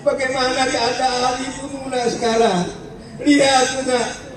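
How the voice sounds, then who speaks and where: Brief: preacher doing a kind, coaxing elder, high voice, roomy and distant. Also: male voice, level tone, a little slow, slight background noise. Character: pious man questioning gently, kindly elder. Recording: echoey, far from the mic.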